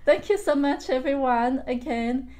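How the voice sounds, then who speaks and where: Lady cohost, high voice, laughs a lot, bit of a cold. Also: a little slow, dark tone, slight background noise. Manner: agreeable, laughs often, slightly non-native phrasing. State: unwell, sore throat. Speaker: co-host and company founder. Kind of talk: casual live chat.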